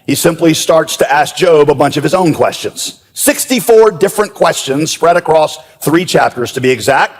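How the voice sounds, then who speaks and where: A man preaching a sermon as pastor, with humorous storytelling and lively asides. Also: fairly high pitch, normal speed, hardly any pauses. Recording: echoey hall.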